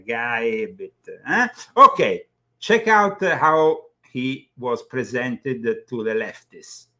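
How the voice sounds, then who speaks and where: A male host talks loosely over clips, his voice bright and forceful. He halts, restarts and laughs as he goes. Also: mid-range voice. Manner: halting, many fillers and restarts, laughs often. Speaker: show host. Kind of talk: casual podcast commentary.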